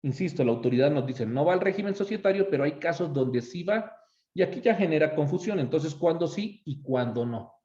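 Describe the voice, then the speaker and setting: A man's voice: fairly high pitch, animated, fairly quick, dark tone. A man with a Mexican accent teaching an online course, explaining conversationally and often checking in with "ok?". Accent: Mexican Spanish. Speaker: course instructor. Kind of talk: explanatory tutorial lecture. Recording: echoey room, slightly dull lo-fi sound.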